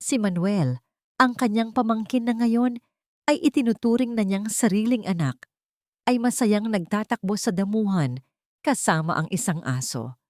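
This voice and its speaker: Here a woman with a Filipino accent works as an audiobook narrator, delivering a scripted dramatic tale at a moderate pace. Her mid-range voice is a little mellow, captured in a dry, studio-quality recording.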